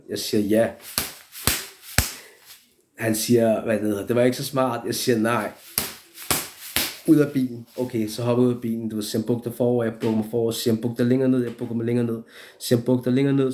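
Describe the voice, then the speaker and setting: A man's voice: mid-range voice, a little mellow. A young man telling a story on a live stream in a rambling, profane way, full of restarts and swearing.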